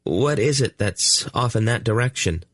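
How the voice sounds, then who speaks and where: A man voicing a calm, polite young boy in an audiobook, speaking earnestly. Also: medium pitch, moderate pace, husky, no room sound, pitched above the performer's own voice.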